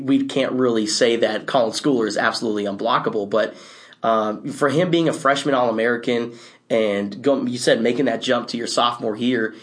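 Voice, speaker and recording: Man chatting casually about football. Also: medium pitch. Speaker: sports podcast co-host. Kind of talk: casual sports talk.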